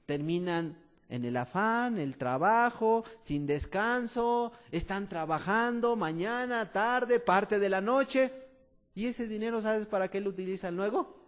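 A male preacher with a Mexican accent delivers an impassioned sermon in a fairly high voice. He drops to soft, intimate asides and then rises to loud, urgent appeals. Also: lively intonation, unhurried. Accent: Mexican Spanish. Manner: addresses listeners as "amado".

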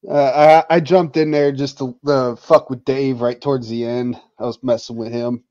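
A man's voice: medium pitch, little pitch movement, moderate pace, dark tone, dry recording. Mocking man co-host on dull lo-fi audio. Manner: crude, mocking. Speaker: livestream co-host. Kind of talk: casual livestream chat.

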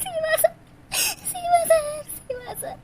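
A woman's voice: very high voice, fairly quick, noisy background. A woman voicing a lovesick younger sister in a cartoon, sobbing and pleading. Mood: tearful pleading. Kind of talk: cartoon voice acting.

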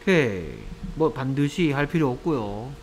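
A man's voice: mid-range voice, lively intonation, a little mellow, faint music behind, rough recording. A man teaching a grammar lesson in a classroom, repeating each phrase in two languages and often checking that the class understands. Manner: keeps checking understanding with quick questions; repeats each phrase in English then Korean. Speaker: English teacher.

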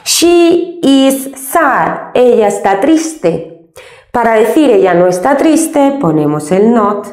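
A woman's voice: medium pitch, animated, warm tone, roomy sound. Patient woman teaching from Spain. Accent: Spain Spanish. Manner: slow, patient, spells out English examples. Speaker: English teacher. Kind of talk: step-by-step grammar lesson.

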